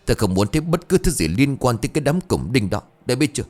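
A man's voice: mid-range voice, very animated, fast, a little mellow. A man doing a cold, cruel old landlord. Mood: cold commanding. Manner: cold, commanding.

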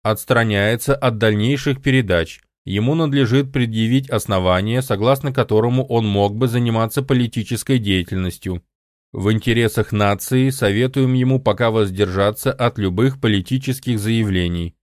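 A man reading as a flat, unmodulated supercomputer. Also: fairly low pitch, normal speed, no echo, clean studio sound, lightly acted. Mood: cold decree. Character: emotionless government supercomputer, flat and commanding. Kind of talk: audiobook reading.

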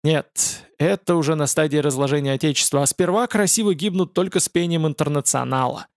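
A man's voice: fairly high pitch, brisk, no echo, close to an everyday voice. A man reading an audiobook, voicing a male fallen angel with a dry, mocking and commanding manner.

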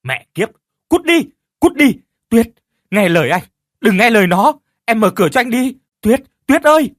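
A man voicing a desperate young man who shouts and pleads frantically. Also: extremely high pitch, sing-song, normal speed, no echo, studio quality, voice pushed up, exaggerated voice. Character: desperate young man trying to save his love.

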